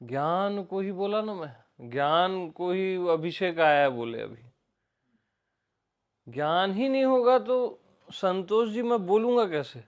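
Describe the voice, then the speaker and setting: Slow-spoken Indian man giving a spiritual talk. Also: high voice, lively intonation, muffled recording. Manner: repetitive, questioning, conversational teaching. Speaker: spiritual teacher. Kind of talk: informal satsang discourse.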